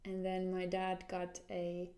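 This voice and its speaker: A Finnish woman in her twenties hosts a solo podcast, her Finnish-accented voice low, mellow and monotone. She speaks slowly and earnestly, often restarting her sentences while she hunts for the right words.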